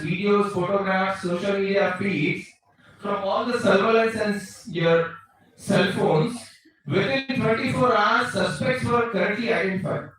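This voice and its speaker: Male lecturer, South Indian accent, instructive, slightly high voice, distant mic. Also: a bit bright. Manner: instructive, checks understanding with short tags. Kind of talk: lecture with slides. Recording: very echoey room, distant microphone.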